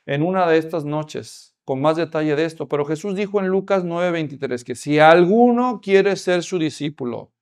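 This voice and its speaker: High-voiced man preaching a sermon. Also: lively intonation, normal speed, hardly any pauses. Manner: asks the congregation rhetorical questions.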